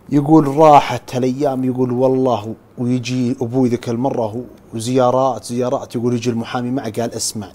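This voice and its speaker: A man's voice: medium pitch, darkish tone. A man with a Saudi accent narrating a true story, relaying another man's account and repeating "he says" as he goes. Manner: keeps repeating "he says" while retelling a friend's account.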